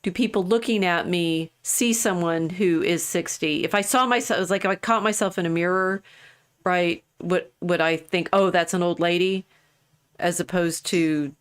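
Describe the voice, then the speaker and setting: A woman's voice: fairly low pitch, fairly even intonation, moderate pace, clean tone. A woman in her sixties co-hosting a livestream, talking in a rambling casual way with many restarts. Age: 60s. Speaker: co-host of a livestream. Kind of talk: casual chat.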